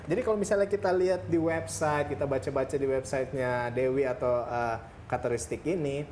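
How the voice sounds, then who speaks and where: A woman hosting a morning TV show, chatting with a guest and quickly encouraging her answers. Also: a bass voice. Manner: chatty, lively interviewer with quick encouraging backchannels. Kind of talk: TV studio interview. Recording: noisy TV studio.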